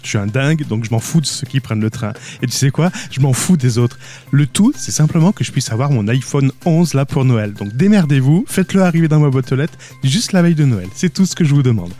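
A man's voice: mid-range voice, animated, brisk, warm tone, soft background music. A man co-hosting a casual tech podcast, joking, laughing often and rambling through asides from a small home studio. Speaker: podcast co-host.

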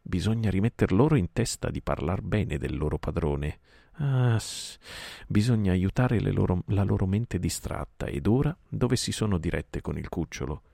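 A proud male panther gives firm, commanding words, voiced by a man reading a storybook. His tone is low and very gravelly, with a dry close sound. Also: expressive, normal speed, dark tone, no echo, exaggerated voice. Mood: scornful.

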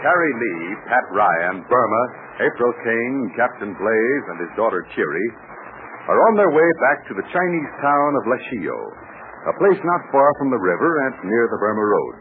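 In the eager, scripted style of an old 1940s radio announcer, a man with an American accent sells and narrates to children. His medium-pitched voice has big pitch swings at normal speed, on a tinny, hissy 1940s radio recording.

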